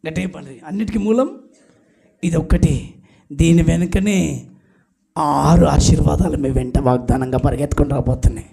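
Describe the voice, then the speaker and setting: A man's voice: a little high, normal speed, gravelly, pauses often, mellow, breathy edge. A man preaching an emphatic sermon at a church night service, urging the congregation to call back answers aloud.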